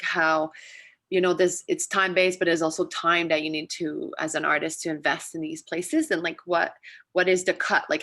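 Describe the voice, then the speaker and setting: Audience woman on a video call; lowish flat bright voice, halting and searching. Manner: searching, full of "like" and restarts. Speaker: audience member asking a question. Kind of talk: online Q&A question.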